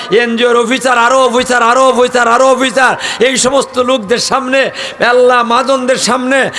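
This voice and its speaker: Older preacher, gravelly high voice. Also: male voice, a little hiss or hum. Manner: folksy, joking, rising to shouts. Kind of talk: sermon.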